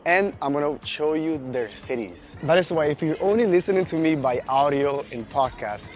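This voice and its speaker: A man's voice: on the high side, lively intonation, moderate pace, faint music behind. A man hosting a travel podcast, chatting and asking short questions while walking through a city's old town. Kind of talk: casual street interview. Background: city noise and traffic.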